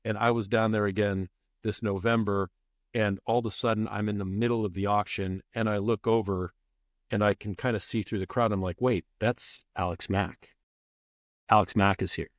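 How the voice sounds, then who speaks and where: Recorded dry with clean studio sound, a middle-aged man talks at a moderate pace in a fairly low voice with fairly even intonation. He was once a public address announcer and now guests on a podcast, keeping the interview spirited and conversational while stressing points by repeating phrases.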